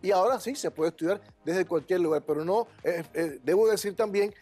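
Man, slightly high voice, emphatic and opinionated, English school director, faint music behind. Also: fairly quick, darkish tone. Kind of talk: interview answers.

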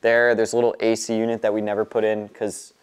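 A man's voice: fairly low pitch, monotone, fast talker, heavy background noise. A man in his twenties with an American accent, hosting a casual, informal tour vlog indoors. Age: 20s. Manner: informal, mildly profane. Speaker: host giving a warehouse tour. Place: large concrete warehouse and upstairs office, indoors.

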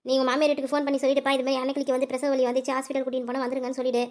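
A woman's voice: high voice, completely flat delivery, rapid-fire, a little mellow, lightly acted. A woman voicing a bossy, anxious middle-aged mother-in-law in a family cartoon. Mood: fussing. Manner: bossy and anxious, prays aloud. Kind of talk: cartoon voice acting.

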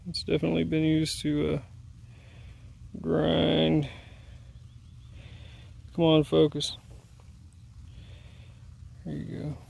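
A man with a somewhat high, gravelly voice talks casually as he walks a crop field. He rambles in an easygoing, self-deprecating way. The sound comes from a handheld camera outdoors. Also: monotone, takes it slowly, pauses often, a little mellow. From Indiana. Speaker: arrowhead hunter filming his finds. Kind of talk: casual outdoor vlog narration. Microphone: handheld camera mic.

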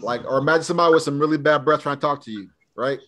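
A man's voice: a little high, very fast, a bit bright. A man teaching a live online Hebrew class, speaking casually and drilling students with questions.

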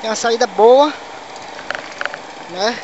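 A man's voice: very high-pitched, slow, dull audio. A man from Manaus, Brazil, with a local Brazilian Portuguese accent, chatting in slangy casual commentary while riding a motorcycle on city roads. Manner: chatty, slangy, chuckles to himself. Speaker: motovlogger. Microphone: helmet or bike camera mic. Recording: loud wind and engine noise.

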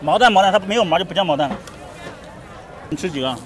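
A man's voice: sits high, animated, quick pace, a crowd in the background. A man in his thirties hosting a casual street vlog, chatty and full of questions, sometimes hawking food like a vendor. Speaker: vlog host. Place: outdoor street market. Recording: busy crowded street with traffic.

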